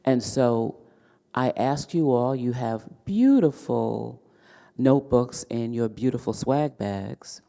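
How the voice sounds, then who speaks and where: A man's voice: medium pitch, animated, takes it slowly, vocal fry, mellow, big-room sound. A man moderating a conference session, encouraging the audience to speak up and take action. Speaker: event moderator. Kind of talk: addressing a conference room.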